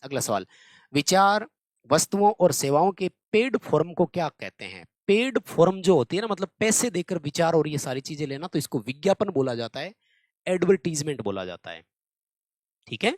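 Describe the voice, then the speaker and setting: A man's voice: fairly high pitch, big pitch swings, normal speed, dry recording. A man teaching exam-prep questions step by step, repeating key answers and checking in with the listener. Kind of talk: Hindi exam-prep lesson.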